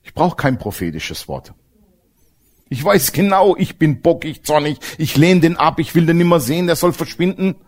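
A man delivering a church sermon in a lively, swinging voice with a slightly husky edge. He speaks straight to the congregation, tossing out questions and humorous asides. His pitch sits a little high for a man. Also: normal speed. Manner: animated, addresses the congregation directly with questions and humor. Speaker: preacher.

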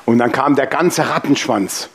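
A man's voice: medium pitch, moderate pace, breathy edge. A man preaching a sermon, telling personal stories with humor and speaking straight to the congregation. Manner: lively, humorous storytelling, addressing the congregation directly.

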